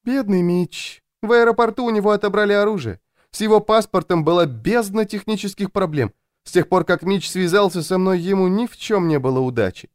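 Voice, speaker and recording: A man voicing a frazzled, jumpy woman who feels hunted, speaking in a high, plaintive, complaining tone. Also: fairly quick, hardly any pauses, no echo, clean studio sound, lightly acted.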